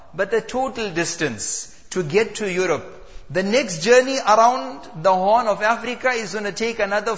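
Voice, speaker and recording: High-voiced male preacher, echoey hall. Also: fairly bright tone. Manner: dramatic storytelling, emphatic. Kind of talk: sermon. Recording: echoey hall, dull sound.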